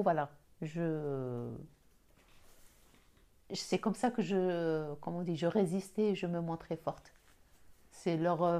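A woman's voice: low-pitched, warm tone. A middle-aged woman from Algeria with an Algerian accent, telling her own story in an interview, hesitant with many restarts but firm when she makes a point. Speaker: podcast guest, host's mother. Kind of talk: personal interview recollection.

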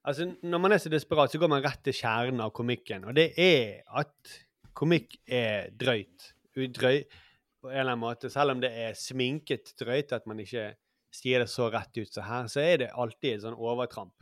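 A man's voice: mid-range voice, no echo, clean studio sound. A man in his forties hosting a podcast, musing and rambling in casual chat. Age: 40s. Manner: musing, rambling, many fillers. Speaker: podcast host.

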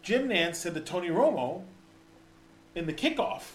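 A man with a high voice co-hosts a sports talk show, rambling through his points and restarting his sentences. He sounds like he is in an echoey room. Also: very animated, moderate pace, a little hiss or hum. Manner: rambling, many restarts and fillers. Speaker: podcast co-host.

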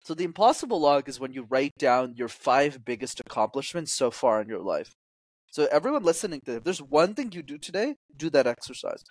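In a casual interview, a young man in his twenties talks as a communication coach, lively and brisk, jumping suddenly in pitch as he acts out quoted voices. The recording is low quality but has no room sound.

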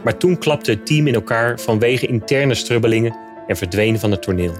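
A man narrating a scripted nonfiction account in a steady, measured reading voice. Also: mid-range voice, over music.

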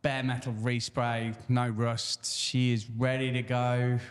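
English bloke chatting from the audience, medium pitch, hall reverb. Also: male voice, little pitch movement, slow pace. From Leicester, England. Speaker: audience guest, car owner. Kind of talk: casual audience chat. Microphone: passed-around handheld microphone.

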